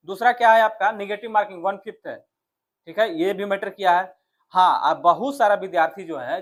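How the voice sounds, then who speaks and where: An exam coach with a Bihari accent talks to his viewers in a high, slightly bright voice. His conversational style is direct and informal, and he keeps asking questions only to answer them himself.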